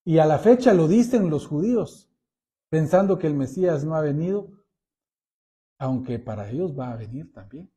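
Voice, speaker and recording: A man preaching a Bible-teaching sermon, explaining verses in a deliberate way and calling his listeners brothers. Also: fairly high pitch, lively intonation, warm tone, husky.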